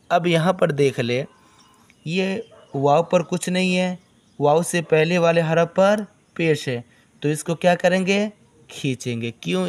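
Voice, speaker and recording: A man teaching a beginners' recitation lesson. He explains step by step, asks his own questions and answers them, and drawls the long vowels as he recites. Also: a little high. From South Asia.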